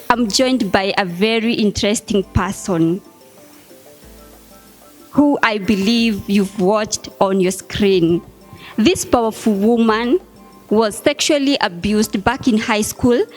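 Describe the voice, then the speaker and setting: A Kenyan woman hosting an interview show, speaking slowly and gently with frequent encouraging affirmations. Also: a little high. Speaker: host.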